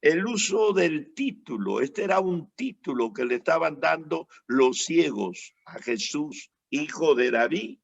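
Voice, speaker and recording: A male evangelist teaches from the Bible in a somewhat high, gravelly voice. He explains each point patiently and checks in with rhetorical questions as he goes. The recording sounds dull and lo-fi. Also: sing-song, measured pace, few pauses. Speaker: evangelist preacher.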